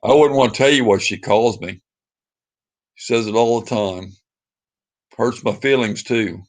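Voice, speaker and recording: A man's voice: mid-range voice, measured pace. A man, hosting a casual livestream and reading viewer comments, talking in a pleading, sentimental, repetitive way. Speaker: livestream host.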